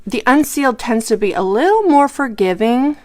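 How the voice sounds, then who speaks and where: A woman's voice: a little high, animated, normal speed. A woman teaching a live craft tutorial, explaining each step and checking in with the viewers. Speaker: craft instructor.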